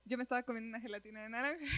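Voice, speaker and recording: There's no echo as a woman with a fairly high pitch and a Mexican accent tells her own story in an animated, informal chat. She uses plenty of slang, especially "güey."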